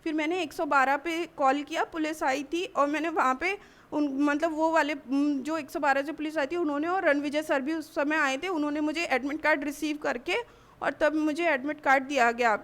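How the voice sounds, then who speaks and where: High-voiced young woman recounting haltingly. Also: fairly even intonation. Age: young adult. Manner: halting, with frequent restarts. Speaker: college student giving testimony. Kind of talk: personal account in a news interview.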